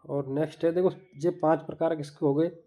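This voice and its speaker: Gravelly man teaching grammar step by step. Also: a little high, fairly even intonation, fast talker, warm tone, dull audio. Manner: explains step by step, repeating terms and asking the viewer to look. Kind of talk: online exam-prep lesson.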